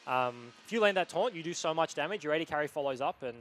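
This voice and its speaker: A man's voice: on the high side, lively intonation, fast, a bit bright, slight background noise. A man giving casual esports commentary and analysis as a caster, informal and chatty in his delivery.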